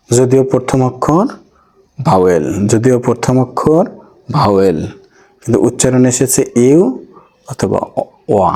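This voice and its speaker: A man with a mellow, dark voice gives a classroom-style grammar lesson. He works through each example step by step and keeps putting questions to his students. His pitch sits in the middle range. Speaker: English grammar teacher.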